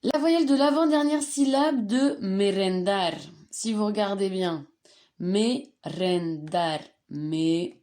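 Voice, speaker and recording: A woman walks learners through a grammar lesson on slides. She talks slowly and patiently, repeating each conjugated form with care. Her tone is mellow and warm rather than bright. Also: mid-range voice, fairly even intonation. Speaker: Spanish teacher.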